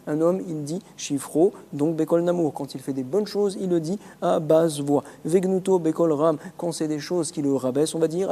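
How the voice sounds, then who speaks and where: In a large hall, a man with a French accent teaches a Talmud lesson word by word, explaining the text quickly and weaving in Hebrew and Aramaic terms. His voice is a little high, with a dark tone.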